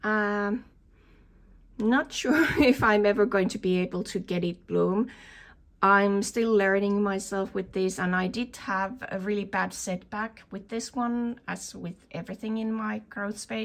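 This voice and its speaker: Slow, gravelly woman. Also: medium pitch. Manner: tentative, thinking aloud and correcting herself. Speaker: hobby plant grower showing her collection. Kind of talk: casual show-and-tell video tour. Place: indoor plant growing space.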